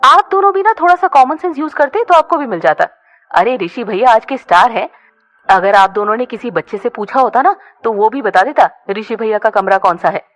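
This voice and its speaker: A woman's voice: a little high, animated, a little fast, natural voice. A woman voicing a cocky, playful young man who teases his friends and boasts. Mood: teasing. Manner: boastful, teasing banter. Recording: dull lo-fi recording.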